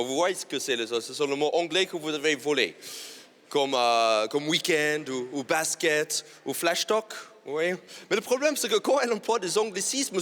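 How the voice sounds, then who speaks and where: A man with an American accent performs playful stand-up in French, mocking himself with timed punchlines. His voice sits high and swings widely in pitch. He is a native English speaker from New York. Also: fairly bright tone. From New York, USA. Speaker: comedian guest. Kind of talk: stand-up comedy routine. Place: TV studio.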